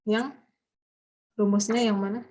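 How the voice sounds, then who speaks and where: A woman teaching a grammar class, patiently explaining and quizzing her students with drawn-out prompts. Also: medium pitch, steady tone, darkish tone. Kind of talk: live class lesson.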